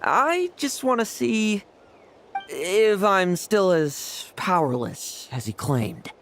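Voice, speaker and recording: A man's voice: high-pitched, big pitch swings, slow, fairly bright tone, a little hiss or hum, exaggerated voice. An actor playing a cocky, taunting young male fighter with a brash, teasing manner in a video game. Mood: challenging.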